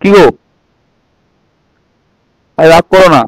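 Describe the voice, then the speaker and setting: A man's voice: high voice, steady tone, takes it slowly, no room sound, poor audio. A man, pleading and apologizing in a casual home vlog. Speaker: vlogger, husband.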